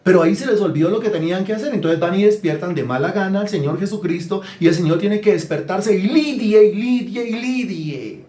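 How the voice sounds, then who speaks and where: Male pastor, animated colloquial sermon, high-pitched, roomy hall sound. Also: quick pace, hardly any pauses. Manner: animated, colloquial preaching with rhetorical questions. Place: church hall.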